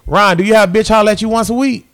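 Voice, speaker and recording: A man with a notably high speaking voice holds forth as a podcast guest. He teases and jokes crudely in a rowdy, boisterous casual chat. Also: racing, a bit bright.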